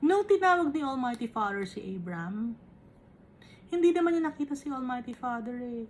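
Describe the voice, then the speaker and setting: A woman preaching, reading Bible verses slowly and explaining them in a chatty way, often asking "right?". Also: high voice, expressive, slight background noise. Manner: Taglish, reads scripture slowly then explains conversationally with tag questions.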